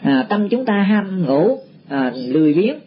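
A man giving a Buddhist dharma talk to disciples. He teaches slowly and repeats words as he searches for them. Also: high voice, big pitch swings. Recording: muffled lo-fi recording with faint background noise.

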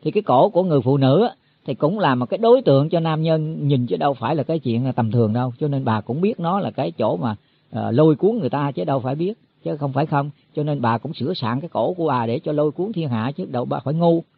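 Male preacher, folksy and repetitive, slightly high husky voice, tinny phone-quality recording. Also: lively intonation, dry recording. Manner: folksy, explains slowly with many repeated words. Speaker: Buddhist teacher. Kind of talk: sermon.

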